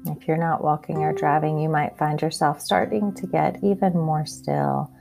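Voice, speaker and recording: A woman with a low voice and some creak guides a calm grounding exercise. She gives gentle, unhurried instructions as a mindfulness host, with faint music in the recording.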